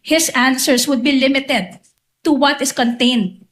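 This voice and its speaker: A woman's voice: high-pitched, steady tone, measured pace, a bit bright. A woman with a Filipino accent arguing formally as a defense lawyer, insistently raising objections and restating her points. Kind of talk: formal legal argument.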